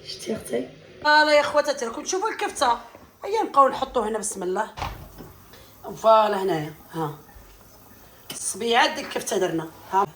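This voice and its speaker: A woman with a fairly high, bright, animated voice talks fast but pauses often while cooking in her home kitchen for a vlog. She warmly calls her audience sisters. Slight background noise, an echoey room, and a distant mic mark the recording.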